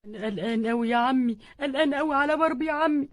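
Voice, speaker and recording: An anxious young husband doll in a children's doll story, played by a woman with an Egyptian Arabic accent. He frets and exclaims in a high voice at a very fast pace. The recording is dry and close. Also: no echo, natural voice. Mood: worried. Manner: fretful and exclaiming.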